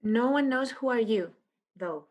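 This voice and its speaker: A woman co-hosting a casual video-call interview, teasing and relaxed. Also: on the high side, unhurried, muffled recording. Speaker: co-host.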